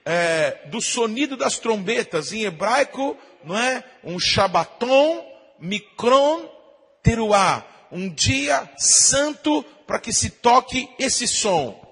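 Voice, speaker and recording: A Brazilian pastor preaching a sermon, often asking the congregation "amém?" and imitating shofar blasts. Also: male voice, very high voice, very animated, slow pace, fairly bright tone, slightly rough, long reverb tail. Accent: Brazilian Portuguese.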